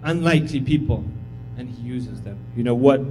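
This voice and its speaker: Speaking at a moderate pace in a warm, medium-pitched voice, a man in his thirties who grew up in Tanzania delivers a relaxed, modest sermon as a visiting missionary, encouraging and heavy with fillers. The church sanctuary recording is low quality, with slight background noise.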